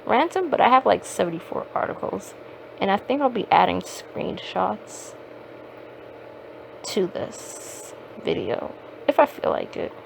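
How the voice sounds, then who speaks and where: A woman's voice: medium pitch, sing-song, unhurried, creaky, background noise. A woman hosting a podcast, rambling casually with lots of fillers and swearing, recorded on her phone. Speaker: podcast host. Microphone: phone microphone.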